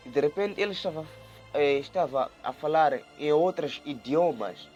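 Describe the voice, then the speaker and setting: A man with a slightly high voice leads a video Bible study at normal speed, with a muffled recording and faint music behind him. He reads scripture aloud and explains it earnestly, often repeating words and restarting, and grows lively when retelling passages.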